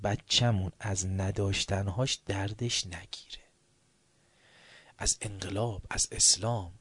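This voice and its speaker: A man delivering a sermon in a storytelling way, with rhetorical questions, swinging from hushed whispers to loud, emphatic outbursts. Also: fairly low pitch, breathy edge, dry recording. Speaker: religious speaker.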